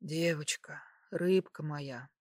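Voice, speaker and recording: A woman narrator lowers her voice to play a young nobleman in an audiobook romance, soft-spoken and coaxing. He murmurs more than he speaks, low and intimate. The recording is dry and close. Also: unhurried, no echo. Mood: tender. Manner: soft, hushed, whispering. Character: young nobleman, tender and persuasive.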